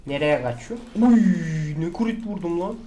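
A man giving live gameplay commentary, excitable, swearing and shouting at teammates. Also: a little high, measured pace, slight background noise. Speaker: gaming channel host.

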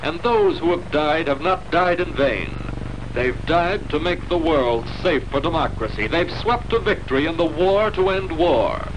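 A man's voice: a little high, background noise. A man giving scripted, declamatory old newsreel narration. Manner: declamatory, rousing.

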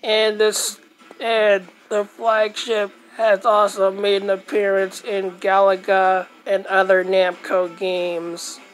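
A woman talks through retro arcade games in a relaxed, musing way. She speaks very slowly at a middling pitch and pauses often. She clears her throat now and then. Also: rough recording. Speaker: retro game video host. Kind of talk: casual commentary on old game footage.

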